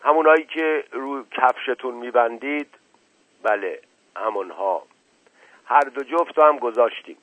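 A man's voice: mid-range voice, no echo, natural voice. A man voicing an eager, deferential old male servant, on a tinny, dry radio recording.

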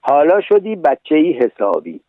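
A kind, motherly fairy, put on by a man speaks calmly and scolds gently in a storybook reading. The sound is dry and tinny, like an old radio broadcast. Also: fairly high pitch, no room sound. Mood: gentle.

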